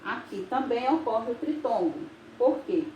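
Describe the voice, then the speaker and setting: A woman from Brazil, a teacher, explaining grammar in a recorded video lesson, slow and patient, with frequent recaps. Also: a little high, expressive, dark tone. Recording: echoey room with faint noise.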